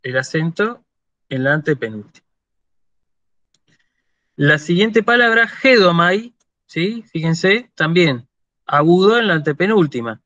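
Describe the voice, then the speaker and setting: A man's voice: fairly high pitch, lively intonation, a little slow, long pauses, bright, forceful tone, no room sound. A man with an Argentine Spanish accent giving an online university lecture, patiently checking in with his students as he explains. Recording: dull lo-fi dry sound.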